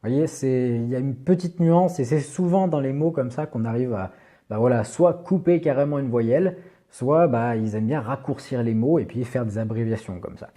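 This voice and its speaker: A man's voice: mid-range voice, dark tone. A man teaching English pronunciation in a video lesson, speaking patiently and carefully, with frequent small fillers. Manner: patient, slow, with many "bah" fillers.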